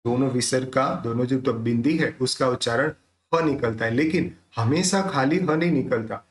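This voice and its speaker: A man teaching pronunciation of a devotional hymn, explaining patiently and then reciting its verses slowly, syllable by syllable. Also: medium pitch, reverberant. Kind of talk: pronunciation lesson with slow chanted recitation.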